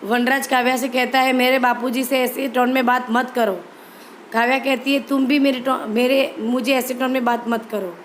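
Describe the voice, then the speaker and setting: A somewhat high-pitched woman casually recaps a TV serial episode. She reads each character's lines aloud without acting them out, in a flat, even voice, and often stumbles and restarts mid-sentence. A faint hiss sits under her voice. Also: normal speed, poor audio. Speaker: channel host recapping a TV serial.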